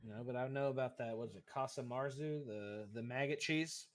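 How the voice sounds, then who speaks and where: A man who streams himself, chatting offhandedly about games and settings, his sentences trailing off quietly. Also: medium pitch, normal speed. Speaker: fellow streamer. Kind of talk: casual gaming chat.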